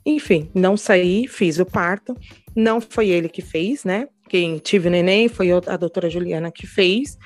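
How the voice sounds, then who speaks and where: A young Brazilian woman recounting a hard hospital birth in casual conversation, animated and indignant, peppering her talk with "né". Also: on the low side, normal speed, faint music behind. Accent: Brazilian Portuguese. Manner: animated, indignant retelling with many "né". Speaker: guest telling her birth story.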